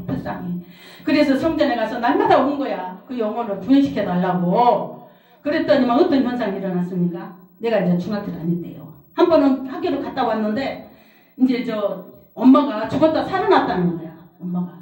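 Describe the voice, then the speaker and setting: Middle-aged woman preacher, storytelling testimony, slightly high voice, heard from a distance. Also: darkish tone. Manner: storytelling, repeats phrases for emphasis. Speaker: pastor's wife preaching. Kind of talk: sermon with personal testimony. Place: prayer house service hall. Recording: roomy hall, distant mic.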